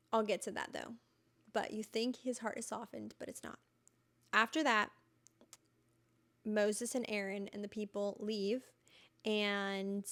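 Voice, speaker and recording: Chatty enthusiastic woman podcast host. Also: mid-range voice. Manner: chatty and enthusiastic, retelling scripture in everyday words. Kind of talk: casual Bible teaching podcast.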